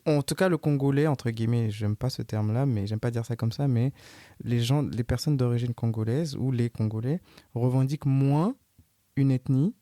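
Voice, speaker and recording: A man's voice: mid-range voice, moderate pace, mellow, no room sound. A man hosting an interview podcast, asking questions casually and often stopping to rephrase them mid-sentence. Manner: hesitant, restarts questions often. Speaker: podcast host.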